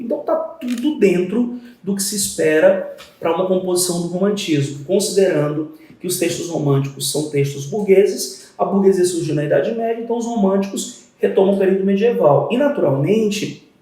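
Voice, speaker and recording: Methodical teacher in echoey room. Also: male voice, high voice, a little fast, warm tone, far from the mic. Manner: methodical, explains step by step and counts syllables aloud. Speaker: literature teacher. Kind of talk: exam-prep literature lesson.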